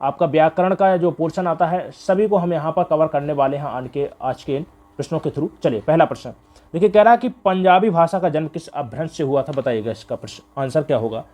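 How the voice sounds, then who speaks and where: A man's voice: fairly high pitch, brisk, a little mellow. A man teaching a Hindi grammar exam revision lesson. He keeps repeating each answer back as a question to his students and checks in with frequent fillers.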